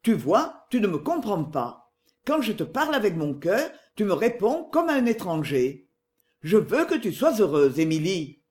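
Pushy, falsely tender middle-aged brother, voiced by the narrator, close to the narrating voice, lively in pitch. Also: moderate pace, lightly acted. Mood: wheedling.

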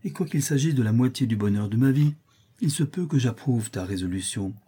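Audiobook: grave earnest father-prince male narrator, warm, breathy, somewhat raised. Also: medium pitch, animated, a little fast. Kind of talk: audiobook reading.

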